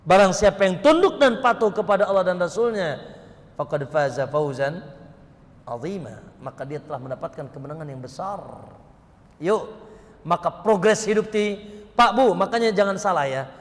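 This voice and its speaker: A man preaching a sermon to an audience, lively and teasing, asking them questions. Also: sits high, moderate pace, big-room sound.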